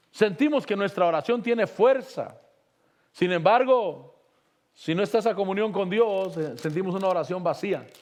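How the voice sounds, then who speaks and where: A male pastor preaching a sermon, retelling testimonies with passion. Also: high-pitched. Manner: impassioned preaching with retold testimonies.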